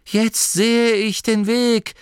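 A man's voice: medium pitch, normal speed, no room sound, natural voice. A man voicing an earnest young male gnome leader, close to his own reading voice. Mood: awestruck. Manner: earnest, near the reader's own voice.

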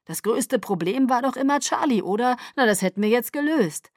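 A woman's voice: fairly high pitch, lively intonation, a little fast, dry recording, studio quality, pitched above the performer's own voice, natural voice. Brash teasing young werewolf guy, read by a woman. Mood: cocky. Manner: cocky and teasing. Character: brash cheerful young male shapeshifter.

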